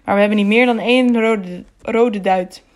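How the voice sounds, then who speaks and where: A woman's voice: medium pitch, steady tone, normal speed, natural voice. Earnest young squire, urgent, pressing, as a woman reads him.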